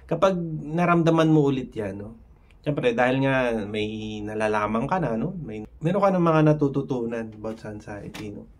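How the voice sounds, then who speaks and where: A man's voice: mid-range voice, animated, moderate pace. Rambling man giving casual advice. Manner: rambling, fillers, frequent tag questions. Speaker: vlogger sharing anxiety tips. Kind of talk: casual talk to camera.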